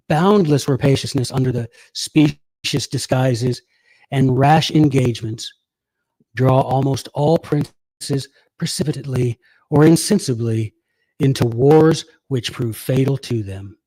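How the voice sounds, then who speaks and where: A man reading an old essay aloud in a formal, measured way. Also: medium pitch, steady tone, dark tone, dry recording, rough recording. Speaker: reader.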